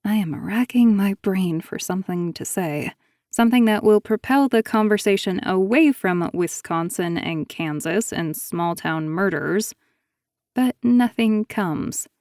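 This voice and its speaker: A woman reads a first-person thriller audiobook at a slow, unhurried pace, with a measured, even delivery. Her voice sits at a middle pitch and sounds close and dry, with no room behind it. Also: no echo. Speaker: audiobook narrator.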